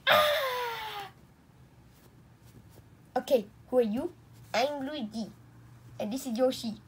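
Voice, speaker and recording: A woman's voice: high-pitched, moderate pace, warm tone, slight background noise. A woman making a plush toy video who talks playfully and voices many of the toy characters herself. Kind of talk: playful toy skit narration.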